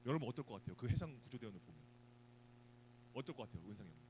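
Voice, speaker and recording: Lively Korean youth preacher, animated. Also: male voice, medium pitch, very fast, slight background noise, low-quality recording. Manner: animated, asks the students questions, acts out scenes. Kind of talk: youth sermon. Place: church youth service.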